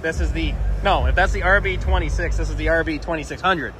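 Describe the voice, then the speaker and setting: A man's voice: on the high side, quick pace. A young man chatting casually as he walks around a car show, telling dad jokes with a mock-serious delivery. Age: young adult. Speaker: vlog host. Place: large indoor exhibition hall. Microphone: handheld phone camera. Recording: music and hubbub of event hall behind.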